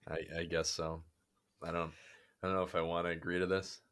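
A young man co-hosting a laid-back podcast, talking easily and laughing often. His voice sits on the lower side. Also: flat delivery, fairly quick, a bit bright, smooth. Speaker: podcast co-host. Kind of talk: casual chat.

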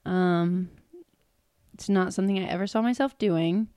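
A woman's voice: on the low side, normal speed, warm tone, smooth, dry recording, clean studio sound. A woman in her thirties from the Cleveland area with a Northern Ohio accent, chatting casually and giggling as a podcast co-host. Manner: laid-back, giggly, swears casually. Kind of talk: casual chat.

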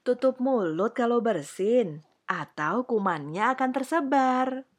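Storybook: caring, fussy palace maid, lively pitch, voiced by a woman reader. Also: a little slow. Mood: scolding.

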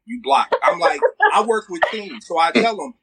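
A Philadelphia man in his forties co-hosts a casual podcast about music, speaking bluntly, emphatically and with plenty of swearing. His high-pitched, slightly bright voice has lively intonation, a moderate pace and vocal fry, over a little hiss or hum.

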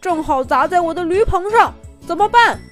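A woman voicing a nervous donkey who frets in shrill, rising cries in a children's story. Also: animated, moderate pace, soft background music. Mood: panicked. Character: nervous donkey, panicky and fretful.

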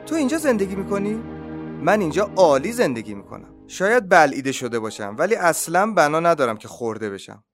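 Man doing a self-assured duck, storybook, a touch raised and lively. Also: a little high, faint music behind. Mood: matter-of-fact. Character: calm, contented male duck living in a wolf's belly. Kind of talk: storybook reading.

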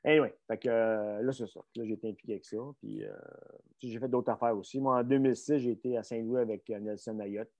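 A middle-aged strength coach guest with a Québécois French accent tells casual stories from his coaching career. His voice is mid-range, steady and a little mellow at a quick pace, and his blunt, rambling delivery is full of fillers and restarts.

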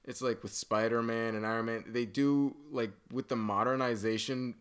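A man's voice: medium pitch, fairly even intonation, normal speed, a bit bright, smooth. A man co-hosting and producing a podcast, chatting casually about a movie in a teasing, rambling way with lots of fillers. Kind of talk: casual movie-review chat. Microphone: podcast microphone.

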